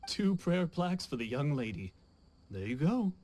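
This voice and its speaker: A man's voice: a little high, very animated, moderate pace, a little mellow, slight background noise. A man playing a courteous, welcoming festival stall keeper in a video game, with polite sales patter. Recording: music behind the voice.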